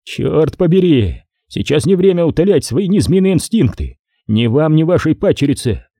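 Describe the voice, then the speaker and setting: A hot-tempered crooked gangster in a crime audiobook, as a male narrator puts him on, cursing and roaring in a voice pushed above the reader's own. The tone stays husky and dark with lively swings. The recording is dry and close. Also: on the high side, normal speed, no room sound, voice pushed up. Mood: angry. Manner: crude, shouting, swearing. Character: hot-tempered crooked gangster, adult man, crude and impatient.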